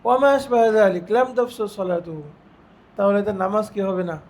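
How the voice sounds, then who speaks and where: A man teaching a religious lesson, reciting Arabic phrases slowly and putting questions to his students. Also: sits high, darkish tone. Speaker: Islamic teacher.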